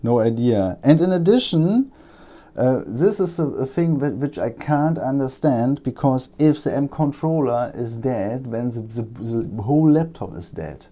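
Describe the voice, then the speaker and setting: In this casual repair vlog, a German technician with a German accent walks through fixing a laptop at his bench. His mid-range voice is animated and dark-toned, and he speaks haltingly, filling pauses with plenty of ums and uhs.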